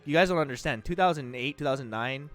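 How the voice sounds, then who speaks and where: A man's voice: medium pitch, fast talker, faint music behind. A young man streaming from home, chatting casually and self-deprecatingly into a close mic, laughing often. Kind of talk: casual chat. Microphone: close desk mic.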